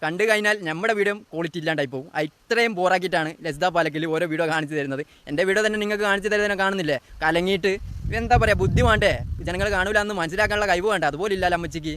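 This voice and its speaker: A man's voice: high voice, a bit bright, slight background noise. A man hosting a reaction video, delivering mocking political commentary in a sarcastic, teasing rant. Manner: sarcastic, teasing, rapid-fire ranting.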